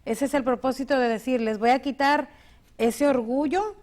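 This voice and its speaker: A woman's voice: high voice, fairly even intonation, normal speed, a little mellow. A woman co-hosting a devotional show, steadily explaining and reading Bible verses aloud. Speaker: co-host.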